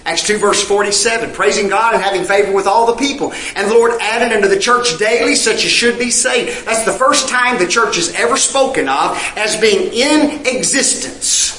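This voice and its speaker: Here the preacher's voice is high and bright, moving at a moderate pace with few pauses and a forceful tone. The sound is roomy and the audio poor. He fills his emphatic sermon with rhetorical questions and reads scripture aloud in old-fashioned King James language.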